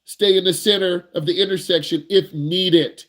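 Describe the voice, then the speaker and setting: A driving instructor talks straight to the camera with plenty of energy and emphasis. His voice is high for a man, and now and then he puts on a nervous student's voice. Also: normal speed. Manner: animated, emphatic, acts out nervous students in a higher voice.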